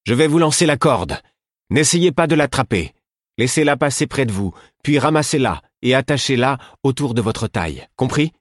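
A man's voice: medium pitch, animated, moderate pace, no room sound, studio quality, voice pushed up, natural voice. A man voicing a brave, commanding queen in an audiobook, calling out urgent instructions. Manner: urgent, directive calls.

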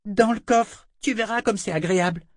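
A man voicing a frightened little servant girl in a storybook reading, pleading in a small high voice. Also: moderate pace, no room sound, studio quality. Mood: threatening. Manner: whimpering then threatening. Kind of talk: storybook read-aloud voice.

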